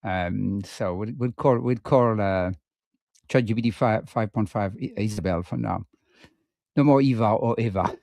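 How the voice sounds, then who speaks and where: A man's voice: lowish voice, measured pace, creaky, darkish tone, no room sound, studio quality. A man co-hosting a podcast, chatting casually in a playful, rambling way and laughing often. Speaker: podcast co-host. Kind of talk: casual chat.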